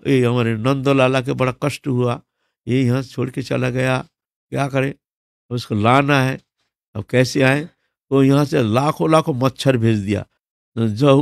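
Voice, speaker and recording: Gravelly-voiced man giving a sermon. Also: medium pitch, dry recording, studio quality. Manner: unhurried, with frequent fillers and restarts. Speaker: religious preacher. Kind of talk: devotional storytelling sermon.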